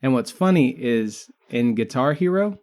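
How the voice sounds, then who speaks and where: A man's voice: medium pitch, lively intonation, normal speed, a little mellow. A man in his thirties co-hosting a podcast, chatting casually and teasing with frequent laughs. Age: 30s. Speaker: podcast co-host.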